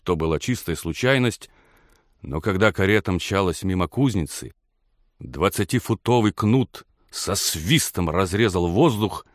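Low male narrator, measured and expressive, dry close recording. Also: no echo. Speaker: audiobook narrator. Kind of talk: scripted narration.

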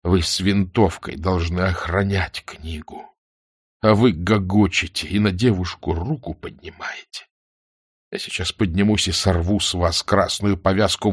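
A stern old scholar , as a narrator plays him, talking in a measured, reproachful way in a low voice. The sound is dry and close, as in an audiobook reading. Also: male voice, slightly rough, no echo. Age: older. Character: old bookish man, stern then gentle.

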